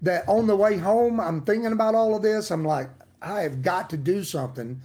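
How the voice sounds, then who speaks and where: A middle-aged man preaching casually in a folksy, emphatic manner. His voice sits a little high for a man, and he laughs and throws asides to his listeners as he talks. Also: normal speed, dark tone. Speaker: pastor giving a daily devotional.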